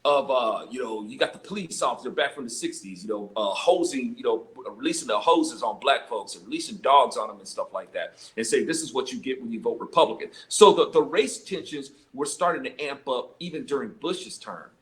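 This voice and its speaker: An American man giving conversational commentary as an interview guest, haltingly, often repeating words as he starts a phrase. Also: mid-range voice, lively intonation, low-quality recording.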